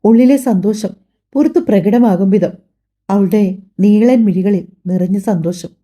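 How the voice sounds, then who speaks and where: A woman reading a family drama audiobook aloud, telling the story softly and voicing every character herself. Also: mid-range voice, measured pace. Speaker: audiobook narrator.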